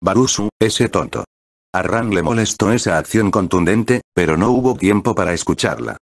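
A man narrating an audiobook in a steady, even reading. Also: deep voice, brisk, no echo, clean studio sound.

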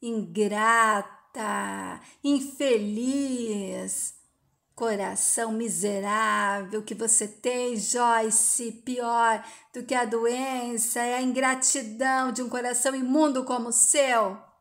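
A woman's voice: a little high, fairly even intonation, takes it slowly, a bit bright. A woman reading a soap-opera recap aloud, voicing a stern mature woman who lectures harshly and without mercy.

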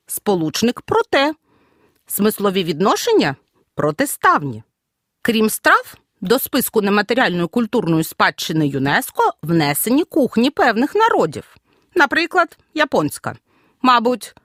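A woman teaching a scripted audio grammar lesson, speaking clearly and measuredly and stressing each example. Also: mid-range voice, no room sound, clean studio sound. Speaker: Ukrainian language teacher.

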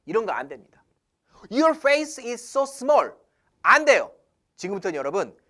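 A man leads a casual English lesson in an animated way. His pitch swings up and down as he asks himself questions and answers them. He drops English phrases in as he goes. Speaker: English teacher.

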